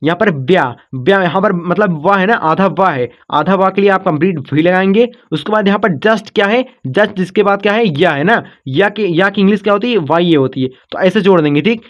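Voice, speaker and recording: Guy with a pretty high voice doing an online lesson, slow and repetitive, muffled lo-fi recording. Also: a bit bright. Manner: patient, repetitive explaining, breaks words into syllables; calls listeners "kids" and "brother", checks in with "okay". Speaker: teacher.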